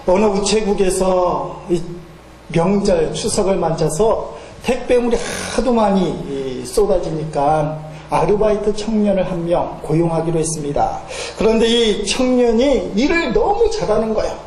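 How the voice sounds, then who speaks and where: A man's voice: high voice, expressive, a little slow, darkish tone. A male pastor preaching a sermon, telling folksy stories and acting out the people in them, with frequent filler sounds. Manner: folksy anecdotal storytelling with voiced quotes and filler "어". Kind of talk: sermon with storytelling. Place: church sanctuary. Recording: echoey church hall with faint ambience.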